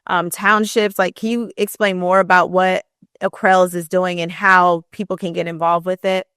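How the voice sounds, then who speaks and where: A woman's voice: on the low side, flat delivery, moderate pace, fairly bright tone, clear, resonant tone, dry recording, clean studio sound. A woman hosting a podcast, chatting enthusiastically and casually, using lots of "like". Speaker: podcast host. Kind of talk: casual interview chat.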